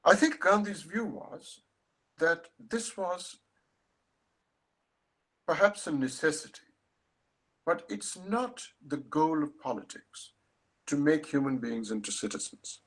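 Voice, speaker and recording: A man's voice: on the high side, expressive, slow, long pauses, fairly bright tone. An older man giving an academic lecture over a video call, thoughtful and emphatic, often restarting his phrases.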